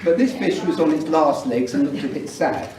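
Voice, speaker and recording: A man's voice: fairly high pitch, animated, brisk, crowd noise. A middle-aged man with an English accent, giving a humorous wedding speech as father of the bride. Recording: roomy, noisy event recording from far off.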